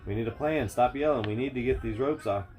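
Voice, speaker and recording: A man reads as a tense teenage boy in a storybook. He gives urgent, commanding lines in a mellow voice. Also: mid-range voice, fast, faint music behind, natural voice.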